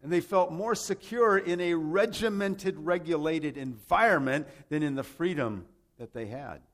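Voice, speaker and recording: A man who grew up in Rome, Italy, to American parents preaches a little slowly in a voice that's on the high side with a fairly bright tone. His sermon draws on scripture and personal anecdotes, delivered emphatically and conversationally with rhetorical questions and recurring phrases.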